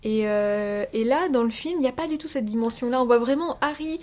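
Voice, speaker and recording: A young woman speaks as a podcast guest, her voice sitting a little higher than most. She talks in a loose, casual way, often pausing on fillers and restarting her sentences. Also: darkish tone. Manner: hesitant, many fillers and restarts.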